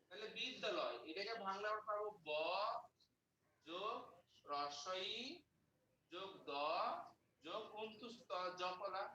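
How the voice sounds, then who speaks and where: A male teacher leads a grammar lesson, breaking words apart into their sounds one by one. His voice sits high and bright. The recording is roomy, with the mic set some distance away and a faint hiss underneath. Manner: explains step by step, spells out sounds slowly. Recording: echoey room, mic far off, faint noise.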